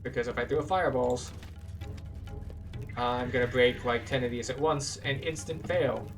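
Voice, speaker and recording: A man with a mid-range, steady voice narrates a game playthrough at a normal pace, picked up by a distant mic. He acts as a methodical video game tour guide, offering casual, explanatory commentary while game music plays behind him.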